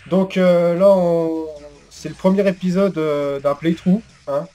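A man's voice: high-pitched, steady tone, measured pace, warm tone. A man doing casual, joking, sweary gameplay commentary. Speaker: gaming YouTuber.

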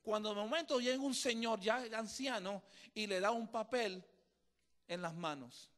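A man's voice: high-pitched, moderate pace, a bit bright. A man preaching a sermon, telling a story and building to emphatic, repetitive exhortation. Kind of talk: bilingual sermon with interpretation.

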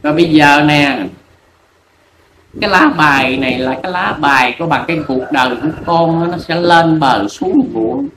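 A man's voice: on the high side, animated, a crowd in the background. A man playing a crude, bossy old fortune teller, scolding and teasing. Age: older. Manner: scolding, teasing, rapid and bawdy. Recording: echoey room with noise.

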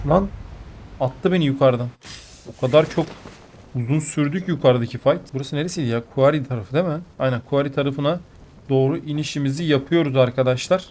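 Congested, nasal man commentating gameplay. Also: mid-range voice. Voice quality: muffled, nasal. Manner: excitable, jumps between muttering and outbursts. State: sick, blocked nose. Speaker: mobile game player.

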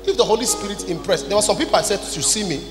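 A Nigerian man in his forties, an apostle leading a church service, preaches a sermon to his congregation from the stage of a large church hall. His voice sits high and animated, racing very fast as he scolds emphatically in short declarative phrases. He speaks into a handheld microphone, and the recording carries the echo of the big hall's PA with music playing behind him.

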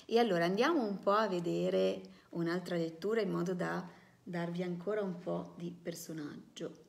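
A woman reads a novel aloud live, narrating expressively and pausing now and then to comment on it. Her voice has a noticeable gravelly fry. When she shifts from reading to commentary, she fills her speech with hesitant fillers. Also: fairly low pitch, fairly even intonation. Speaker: novel reader and reviewer.

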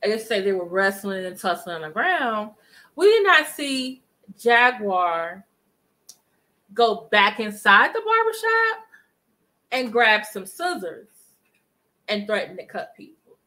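A woman's voice: mid-range voice, big pitch swings, slow pace, pauses often, sharp tone, rough recording. A middle-aged woman hosting a casual live commentary stream from her living room, talking emphatically and greeting chat viewers. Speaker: livestream commentary host. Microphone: webcam at desk distance.

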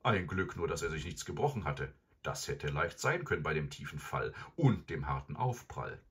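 A man reading a children's storybook aloud in an expressive, animated way. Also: very deep voice, normal speed. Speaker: narrator.

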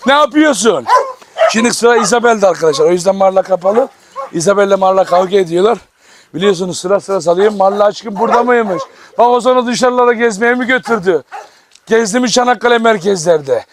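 High-voiced excitable man calling his dogs. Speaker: farm vlogger. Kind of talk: casual vlog to camera. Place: outdoor garden with dogs. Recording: noisy outdoor camera recording. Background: dogs barking.

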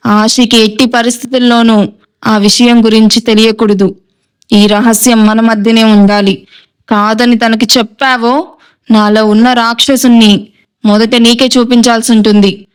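A woman's voice: on the high side, flat delivery, unhurried, clean tone, lightly acted. A woman voicing a stern, hot-tempered young man who gives clipped, cold orders to his younger brother.

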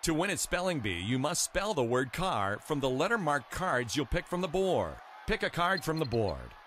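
A man playing an upbeat game show prize announcer in a video game, with a booming, excited, scripted delivery. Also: normal speed, a little hiss or hum.

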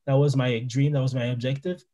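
The recording is muffled as a young French-Canadian man, a native French speaker with a Québécois accent, talks as a wildlife biologist guest. His warm mid-range voice moves little in pitch and runs fairly quick, and his friendly presentation over a headset video call from a small indoor room is packed with fillers.

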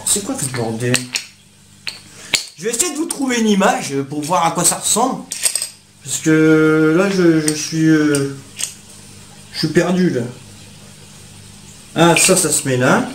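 A man's voice: a little high, animated, unhurried, long pauses, roomy sound, noisy background. A young man casually unboxing gadgets for his viewers, talking in street slang and calling them brothers. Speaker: YouTuber.

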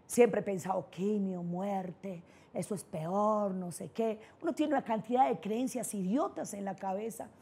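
Husky-voiced paisa woman, middle-aged. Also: medium pitch, measured pace, few pauses, warm tone. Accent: Colombian paisa. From Colombia (Antioquia). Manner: personal storytelling, emphatic and candid. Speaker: neurolinguistic programming trainer, speaker. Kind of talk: motivational conference talk.

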